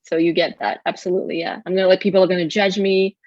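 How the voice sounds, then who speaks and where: A woman's voice: on the low side, flat delivery, fast, a little mellow, no room sound. Woman co-host, casual and encouraging, dry close sound, slightly dull audio. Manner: earnest, encouraging, many fillers. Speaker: podcast co-host. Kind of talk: casual podcast chat.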